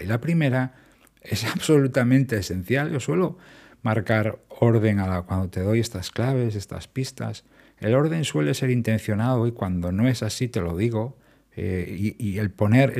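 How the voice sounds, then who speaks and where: Guy from doing his podcast, kinda husky, lowish voice, leans on key words. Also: mellow. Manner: explanatory, emphatic, repeats key words. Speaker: podcast host. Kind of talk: solo productivity podcast talk.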